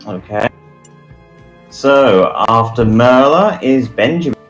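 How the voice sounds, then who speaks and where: A man narrating as game master, measured and pausing often with fillers. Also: mid-range voice, animated, soft background music.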